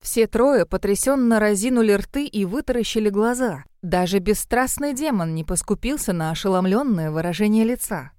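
Woman, audiobook narrator, smooth clean voice, dry close sound, steady storytelling. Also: medium pitch, moderate pace, hardly any pauses, dry recording.

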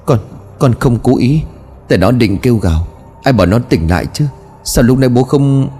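A man's voice: mid-range voice, expressive, normal speed, warm tone, faint music behind, pitched above the performer's own voice, natural voice. A man voicing a frightened young son who stammers and pleads. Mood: scared.

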